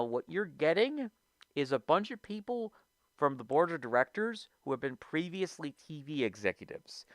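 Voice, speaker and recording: A woman's voice: deep voice, dry recording. A woman hosting a livestream show, ranting sarcastically in casual chat and laughing often.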